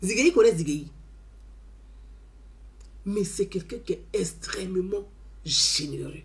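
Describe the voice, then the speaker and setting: A woman telling an animated story as a testimony. She talks emphatically, repeats her phrases and often adds "hein". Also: medium pitch. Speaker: community member giving a testimony.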